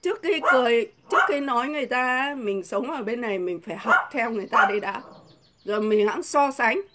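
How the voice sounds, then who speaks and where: A woman's voice: on the high side, lively intonation, a little fast, very noisy. A middle-aged woman, delivering a combative, insulting vlog rant full of rhetorical questions. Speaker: vlogger. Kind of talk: angry political rant to camera.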